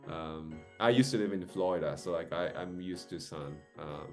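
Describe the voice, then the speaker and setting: Low-voiced guy from japan asking questions, rambly and full of fillers, faint music under it. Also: moderate pace, a little mellow. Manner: rambling, many fillers and restarts. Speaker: interviewer. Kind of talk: casual video-call interview.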